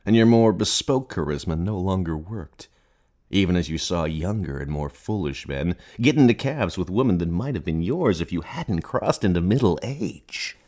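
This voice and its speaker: A man voices a cruel, mocking inner narrator for a radio play, speaking in literary second person. The delivery is theatrical and accusing, his husky voice low-pitched with a darkish tone.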